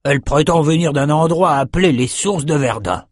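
A man's voice: on the high side, normal speed, breathy edge, no echo, clean studio sound, pitched above the performer's own voice. A male reader voicing a suspicious red-faced shepherd who speaks in a guarded, grumbling way. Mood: wary.

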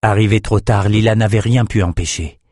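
Low-pitched male narrator, steady measured reading, dry close-miked studio sound. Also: no room sound. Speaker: audiobook narrator. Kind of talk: scripted narration.

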